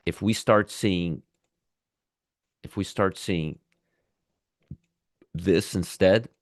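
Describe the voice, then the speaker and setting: A man's voice: low voice, extremely slow, dry recording, studio quality. A man hosting a live market commentary show, feeling sick with a sore throat, explaining conversationally and repeating his points. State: under the weather, sore throat. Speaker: host of a live pre-market trading show.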